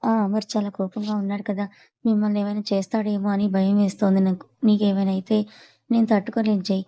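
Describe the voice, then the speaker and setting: A woman's voice: medium pitch, little pitch movement, fast talker, mellow, highs cut off, lightly acted. A woman voicing a frightened young bride who speaks anxiously and tenderly to her husband. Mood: fearful.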